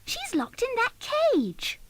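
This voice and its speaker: A small, excitable male cartoon mouse in a read-along story, played by a woman. The voice jumps far up into a squeaky, exclaiming register, bold and plucky. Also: slow, background noise, full character voice. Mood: excited.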